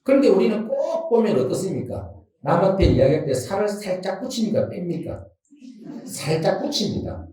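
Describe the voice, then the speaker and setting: A man with a Gyeongsang accent giving a folksy, lively Buddhist sermon, asking the audience questions and acting out everyday quarrels. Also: high voice. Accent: Gyeongsang Korean. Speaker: Buddhist monk giving a dharma talk. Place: temple dharma hall. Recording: distant mic in a roomy temple hall.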